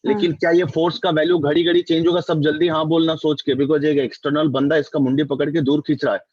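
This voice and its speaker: Husky-voiced man teaching a physics class. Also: a little high, flat delivery, fast talker, darkish tone, no room sound. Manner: mixes Hindi and English, quizzes students often. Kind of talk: online class lecture. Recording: dull dry lo-fi mic.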